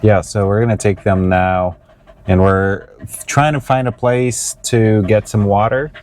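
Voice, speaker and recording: A man casually narrating a road-trip vlog, relaxed and rambling with lots of fillers. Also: fairly low pitch, a little slow. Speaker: vlogger. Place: inside an RV and outdoors on the road. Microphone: smart glasses camera.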